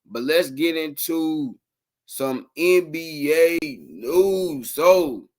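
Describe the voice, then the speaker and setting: A man hosting a casual late-night sports podcast livestream, rambling and animated, talking to his viewers. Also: a little high, drawn-out words.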